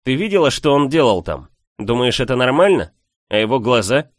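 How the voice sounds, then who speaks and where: A male narrator voicing a lively, teasing young man in an audiobook, talking in a raised, animated voice. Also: medium pitch, brisk, dry recording, clean studio sound, pitched above the performer's own voice, lightly acted. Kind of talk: audiobook character voice.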